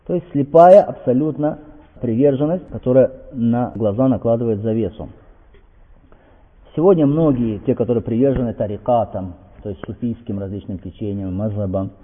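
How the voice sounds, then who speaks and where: A man's voice: mid-range voice, moderate pace, narrow, tinny audio. Male preacher, religious lecture, asks rhetorical questions, quotes Arabic, phone-thin sound, long hall echo. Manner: quotes passages in Arabic, then explains them. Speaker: Islamic preacher.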